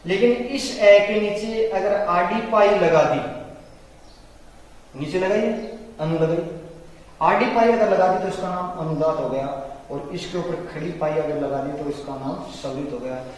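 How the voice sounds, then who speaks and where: A man teaching Hindi grammar in a classroom-style lecture, explaining patiently and repeating terms slowly for his students. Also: high-pitched. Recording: echoey room from far off.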